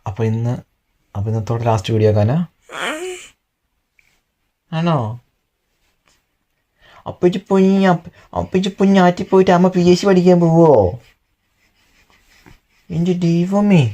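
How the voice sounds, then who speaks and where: A man vlogging at home while pranking his wife, in a quick, teasing way. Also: high-pitched, warm tone. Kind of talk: casual home vlog, teasing.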